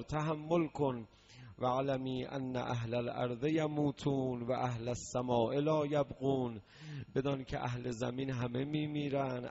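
A man preaching a mourning sermon that moves from quiet explanation into loud, sung lament. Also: mid-range voice, vocal fry. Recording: dull lo-fi recording.

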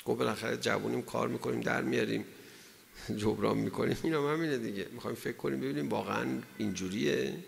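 A man's voice: medium pitch, creaky, slight background noise. A man giving a sermon in an emphatic way, asking his listeners rhetorical questions. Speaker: religious lecturer. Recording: long hall reverb.

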